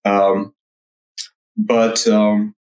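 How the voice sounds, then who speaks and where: A man from Russia, a guest in an interview, talking slowly and hesitantly with many fillers and a dry wit. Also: on the low side, monotone, a little mellow, echoey room, rough recording. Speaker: guest, writer. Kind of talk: casual interview talk. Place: Toronto.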